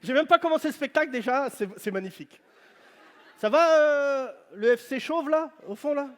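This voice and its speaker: A man doing stand-up crowd work on stage, teasing the audience with loud, street-flavoured banter. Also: very high voice, expressive, moderate pace. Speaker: stand-up comedian. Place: large venue on stage. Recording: live show with long hall reverb.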